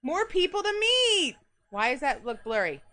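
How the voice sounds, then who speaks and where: A woman's voice: high voice, big pitch swings, normal speed, pushed and bright. A woman from New York with a Long Island accent, chatting casually with viewers while she bakes on a livestream, greeting people by name and rambling through asides. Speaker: livestreamer baking on stream. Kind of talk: casual chat while baking.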